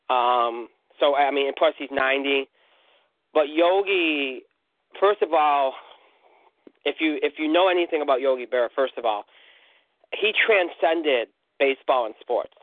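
A man's voice: medium pitch, dry recording. A man hosting a radio show in casual sports talk, often repeating and restarting his words. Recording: narrow phone-like radio sound.

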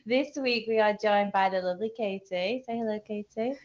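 A woman's voice: mid-range voice, a little fast, a little mellow, highs cut off. A woman with an English accent hosting a casual podcast chat in a bantering, giggly way. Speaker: podcast host.

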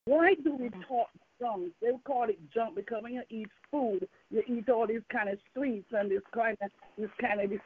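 A woman with a Jamaican accent delivers a fervent evening sermon with call and response, leaning on repeated phrases and rhetorical questions. Her voice is slightly high and breathy-edged, moving at a moderate pace with few pauses. The sound is tinny, like a phone line.

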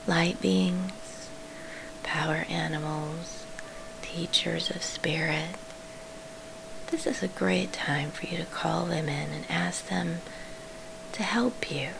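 A woman leading a guided sleep meditation in a soft, soothing whisper, pausing between short phrases. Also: lowish voice, gravelly, noisy background.

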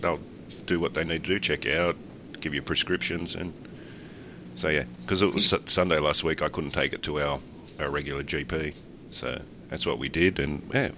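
Very deep, congested Australian man. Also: steady tone, moderate pace, noisy background. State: congested with a cold and sore throat, slightly crackly. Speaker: podcast host. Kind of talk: casual podcast chat.

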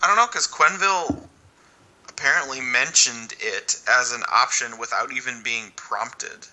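A man's voice: medium pitch, moderate pace, bright, forceful tone, rough recording. A man co-hosting a casual podcast over a cheap gaming headset, wry and self-deprecating. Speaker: podcast co-host. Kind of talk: casual chat.

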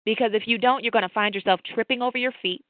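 A woman co-hosting a faith talk show, telling a lively personal story and drawing a lesson from scripture. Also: fairly high pitch, fast talker, no room sound. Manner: storytelling, animated, preachy asides. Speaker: podcast co-host. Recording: tinny phone-like line, dry.

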